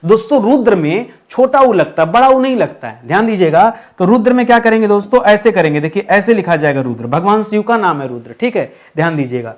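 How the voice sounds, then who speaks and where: High-pitched male teacher, lively exam-prep lecture delivery, repeats key words slowly. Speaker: Hindi teacher. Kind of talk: online exam-prep lesson.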